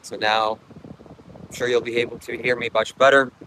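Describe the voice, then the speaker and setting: This livestream host sits outdoors at a beach, faint wind audible, talking in English, which isn't his first language, with a Ukrainian accent. He reads comments, coughs a lot and drifts into reflective rambling. The low-quality recording captures a medium-pitched, sharp-toned voice at normal speed with little pitch movement.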